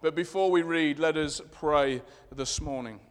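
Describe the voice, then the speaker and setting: A man with a Leicester accent from the English East Midlands preaches a sermon in a measured, explanatory way, in short phrases. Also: on the high side, clear, resonant tone. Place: large reverberant room, preaching to a congregation. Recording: long reverberant hall sound.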